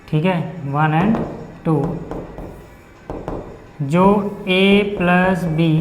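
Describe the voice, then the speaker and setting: Male maths teacher, high voice, roomy echo, casual chatty explaining. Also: a little hiss or hum. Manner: chatty, keeps checking in with the class. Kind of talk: casual classroom lesson.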